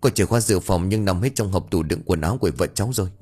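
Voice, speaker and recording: A man's voice: deep voice, very fast, a little mellow, slightly rough. A man voicing a worried young husband who calls out and pleads in an anxious, raised voice. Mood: anxious pleading.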